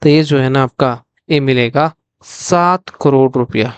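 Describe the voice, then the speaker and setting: A man's voice: medium pitch, a little slow, clean tone, dry recording, dull audio. A male coaching teacher giving a quiz-style revision lesson, repeating each question to the viewers before answering it himself. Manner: asks the viewers directly, then answers himself.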